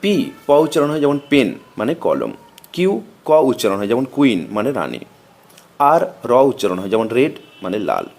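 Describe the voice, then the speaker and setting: Man, native Bengali speaker, grammar lesson, methodical recitation, lively rising and falling pitch. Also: gravelly. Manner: slow, methodical recitation of letters and meanings. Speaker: teacher. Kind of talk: reading a grammar lesson aloud.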